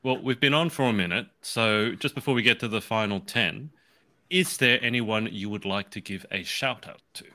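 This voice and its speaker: A man's voice: fairly low pitch, moderate pace, pushed and bright. A man hosting a casual interview in a jokey, teasing way. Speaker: interview host.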